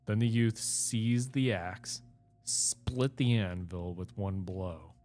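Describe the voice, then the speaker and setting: A man reading fairy tales aloud in a casual, unhurried way. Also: fairly low pitch, fairly even intonation, darkish tone, soft background music.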